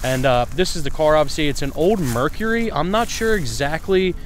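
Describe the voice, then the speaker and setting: A young man hosting a casual video walkthrough of an abandoned property, excited and peppering his talk with "like", walking outdoors and through empty rooms. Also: fairly high pitch, brisk, a little hiss or hum, rough recording. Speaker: urban explorer host. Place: outdoors on rural land, then inside an empty house.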